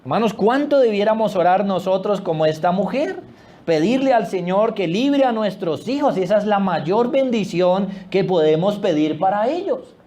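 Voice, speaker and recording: A man preaching a sermon as pastor, swinging between loud exclamations and hushed low asides. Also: expressive, moderate pace.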